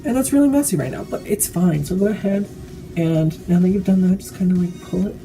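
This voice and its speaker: A tipsy woman with a slightly low voice chats her way through a makeup tutorial. She rambles drunkenly in a loose, casual style and swears often. Music plays clearly behind her. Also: brisk, mellow.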